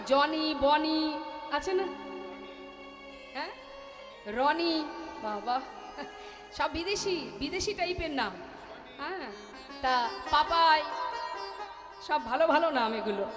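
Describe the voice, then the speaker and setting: A woman's voice: high voice, slow pace, long pauses. A Bengali woman preacher giving a devotional sermon in storytelling fashion and addressing listeners directly. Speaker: kirtan singer and preacher. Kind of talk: devotional chanting and spoken sermon. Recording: echoey hall with music.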